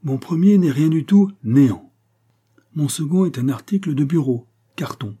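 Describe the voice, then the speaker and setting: A man shouting as a hot-headed rival. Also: a little high, normal speed, slightly rough, pitched above the performer's own voice. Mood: triumphant. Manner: shouting, indignant. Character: hot-headed proud male rival guest. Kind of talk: storybook reading.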